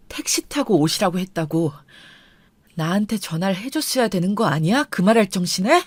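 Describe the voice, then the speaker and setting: A woman voicing a furious young husband who speaks in a low, firm, clipped way. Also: fairly bright tone, no room sound.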